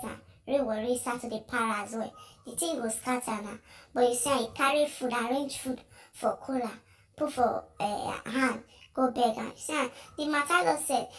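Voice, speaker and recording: A woman's voice: high-pitched, a bit bright. A woman with a Nigerian accent giving chatty commentary on social media videos, reading out comments and laughing often. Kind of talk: casual commentary in Pidgin.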